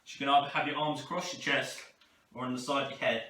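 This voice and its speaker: Male fitness instructor, encouraging and instructional, medium pitch, echoey room with faint noise. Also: level tone, quick pace. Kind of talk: live workout coaching to camera. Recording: roomy, distant mic, faint noise.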